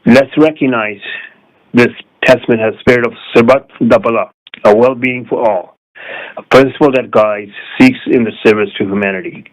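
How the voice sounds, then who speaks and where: A man's voice: medium pitch, steady tone, moderate pace. A man calling in for a community society, formally reading a prepared statement with non-native grammar. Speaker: caller representing a community society. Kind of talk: prepared statement read by phone. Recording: phone line.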